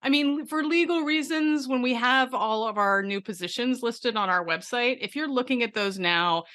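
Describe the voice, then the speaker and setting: A woman co-hosting a casual podcast chat, animated and playful. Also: on the high side, moderate pace. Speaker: podcast co-host.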